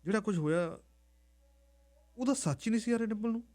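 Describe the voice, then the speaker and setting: A man narrating a dramatic story in a hushed, unhurried way. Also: high-pitched.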